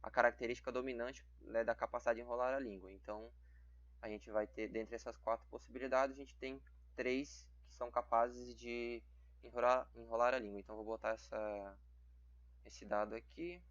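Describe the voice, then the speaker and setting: A teenage boy explaining a genetics exercise haltingly, often checking with tag questions. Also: medium pitch, fairly even intonation, fairly bright tone, no room sound, highs cut off. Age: late teens. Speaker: student explaining a genetics problem.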